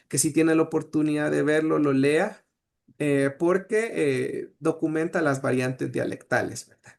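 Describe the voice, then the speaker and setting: A man with a Salvadoran Spanish accent giving an online language class, pausing often with "eh" and checking in with "¿sí?". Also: on the high side, creaky, a little mellow. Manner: hesitant, many "eh" fillers and "¿sí?" checks. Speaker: Nahuat language teacher.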